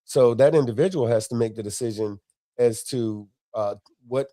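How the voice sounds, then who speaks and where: A man from Florida talks in a blunt, folksy way, pressing his points hard. His voice is mellow and dark. It sounds dry and close, with no room around it. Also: medium pitch, normal speed, no room sound. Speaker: podcast co-host. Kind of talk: casual podcast chat.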